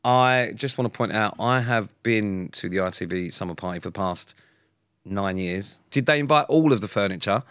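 A young British man co-hosting a podcast, with deadpan, sardonic delivery in casual banter. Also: fairly low pitch, moderate pace, no room sound, studio quality. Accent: British English. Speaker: podcast co-host.

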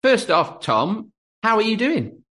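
A man's voice: sits high, sing-song, takes it slowly, a bit bright, soft background music. A man in his twenties hosting a podcast interview, upbeat and chatty. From Wales. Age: 20s. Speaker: podcast host.

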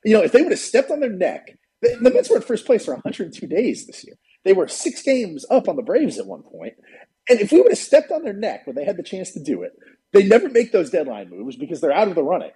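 A man with a very husky, slightly high voice that swings widely in pitch. He chats about sports informally, with opinions delivered in halting bursts and a soft, mellow tone. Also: wildly swooping pitch, rough recording. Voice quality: husky, rough-edged. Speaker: sportswriter guest. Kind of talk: casual sports chat.

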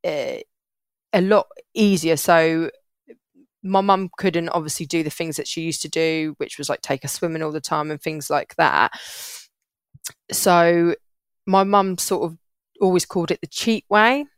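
A woman's voice: fairly low pitch, steady tone, measured pace, long pauses, smooth, dry recording, clean studio sound. A young woman, chatting earnestly as a guest in an interview and often restarting her sentences. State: getting emotional. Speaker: podcast guest, parenting hack creator. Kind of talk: casual interview chat.

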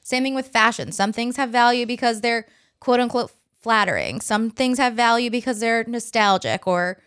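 A woman's voice: on the high side, expressive, moderate pace, a bit bright, clean tone. A woman co-hosting a podcast in casual chat, upbeat and encouraging, laughing easily. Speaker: podcast co-host.

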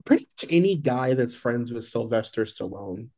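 A podcast co-host chats loosely about celebrity gossip, leaning heavily on "like." His mid-range voice is expressive and mellow, moving at a normal speed.

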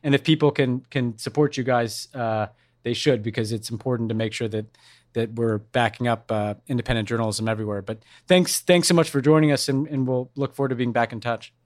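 A man's voice: mid-range voice, fairly even intonation, brisk, a little mellow, no room sound, studio quality. An American man co-hosting a podcast in casual, informal conversation, often repeating himself and backtracking. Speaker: podcast co-host.

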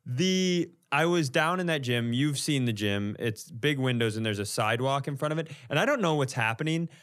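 This man co-hosting a podcast has an expressive, somewhat bright medium-pitched voice at normal speed. He shares laid-back funny stories with a blunt, exasperated edge and lots of swearing.

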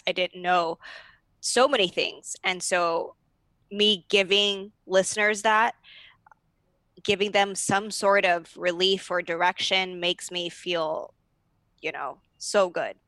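A slightly hungover woman, speaking casually and candidly in an interview, sometimes halting. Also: fairly low pitch, sharp tone, no echo. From United States. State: a little hungover. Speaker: podcast host and comedian, as a guest.

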